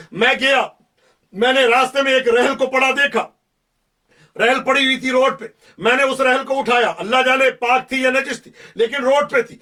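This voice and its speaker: A man delivers a fervent religious oration in a very high, piercing voice that is tense and bright. He declaims in rolling invocations and rhetorical questions, climbing to shouts at the peaks. The voice sits somewhat back from the microphone. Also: distant mic. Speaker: majlis preacher.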